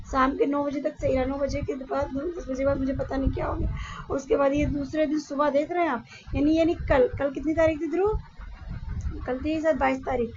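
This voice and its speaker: A woman's voice: sits high, darkish tone, highs cut off. A woman with a Lucknow Hindi accent, talking casually to her viewers in a rambling, repetitive way while weak and in pain. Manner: rambling, repeats herself, tired and weak. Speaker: vlogger. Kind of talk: casual vlog talk to viewers.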